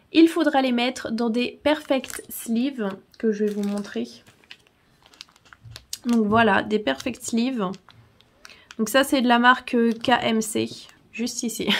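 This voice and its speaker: Chatty woman with a higher voice. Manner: chatty, laughs often, many fillers. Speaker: channel host. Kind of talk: casual tutorial vlog.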